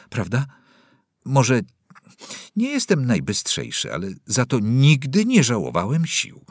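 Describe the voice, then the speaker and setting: A man voicing a frightened middle-aged prisoner who pleads loudly and sanctimoniously, close to tears. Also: medium pitch, no echo, voice pushed up, full character voice. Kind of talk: audiobook character voice.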